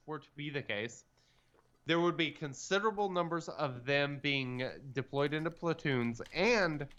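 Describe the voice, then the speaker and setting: A man's voice: a little high, a bit bright, dull audio. A man co-hosting a podcast, chatting casually and rambling through lots of fillers. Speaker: podcast co-host. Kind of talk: casual chat.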